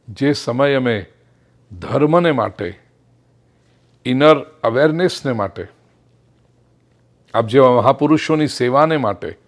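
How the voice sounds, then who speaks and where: A middle-aged man giving a spiritual discourse, telling a parable with acted quotes and slowing down for emphatic English phrases. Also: mid-range voice. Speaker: spiritual speaker. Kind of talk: Gujarati spiritual discourse with storytelling.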